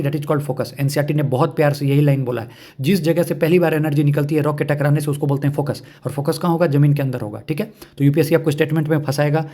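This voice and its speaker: Mellow-voiced male exam-prep teacher. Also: on the high side. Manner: repeats key points, checks understanding with questions.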